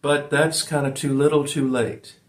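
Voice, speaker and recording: A man's voice: fairly high pitch, little pitch movement, normal speed. A man in his forties from Virginia, talking to his viewers in a meandering way, full of ums and uhs, and often calling them "folks". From Virginia, USA. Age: 40s. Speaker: vlogger. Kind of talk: rambling personal monologue to viewers.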